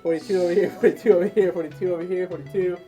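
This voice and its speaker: A man's voice: sits high, steady tone, racing, mellow, faint music behind. A man working as an auctioneer, calling out bids and repeating prices in a chant. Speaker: auctioneer and host. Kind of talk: live auction calling of game lots.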